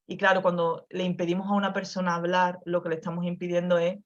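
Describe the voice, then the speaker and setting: Low flat-voiced Andalusian woman on a call. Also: quick pace. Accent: softened Andalusian. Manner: reflective, many restarts and tag questions. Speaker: guest author. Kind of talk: conversational talk over video call. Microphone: video call. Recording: lo-fi video call audio.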